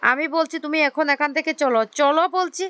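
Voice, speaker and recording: Woman doing a bossy young wife, urgent, high-pitched. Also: steady tone, moderate pace, pushed and bright, no echo.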